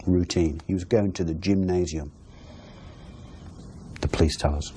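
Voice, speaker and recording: A man's voice: sits low, steady tone, unhurried, mellow, husky. A middle-aged man giving sober answers in an interview. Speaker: interviewee, father of a victim.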